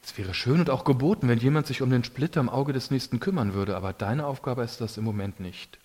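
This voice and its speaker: A man preaching a sermon to a congregation in a casual, colloquial way, with lively emphasis. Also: mid-range voice, quick pace.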